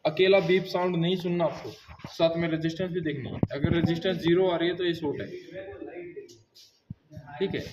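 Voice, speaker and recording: A man's voice: fairly high pitch, steady tone, a little fast, long pauses, highs cut off. A man demonstrating car repair step by step in a workshop class, often checking in with his students. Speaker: auto mechanic instructor. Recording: echoey room with crowd noise.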